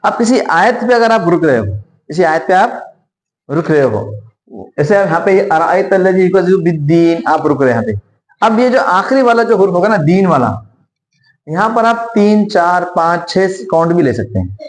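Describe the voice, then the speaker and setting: A man teaching a Quran recitation class, drilling pronunciation, quizzing his students and repeating each word slowly. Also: high voice, sing-song, echoey room, rough recording. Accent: Indian Hindustani.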